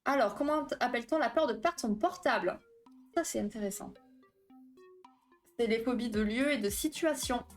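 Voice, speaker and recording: A woman's voice: fairly high pitch, normal speed, long pauses, soft background music. A woman therapist hosting a live stream, explaining phobias in a chatty, casual way with many fillers and asides to her chat.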